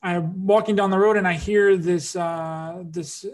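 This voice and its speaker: A man's voice: high-pitched, fairly even intonation, unhurried, a little mellow. A man hosting a podcast interview, telling a rambling story with lots of fillers and restarts. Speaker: podcast host. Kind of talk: casual interview chat.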